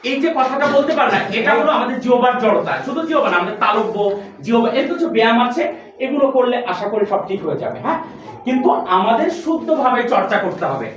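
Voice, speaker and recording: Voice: mid-range voice, expressive, fast. A recitation teacher drilling a class of children on pronunciation, patiently asking the same questions over and over. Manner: patient, quizzes students with repeated questions. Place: classroom with benches. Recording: very echoey room, distant mic.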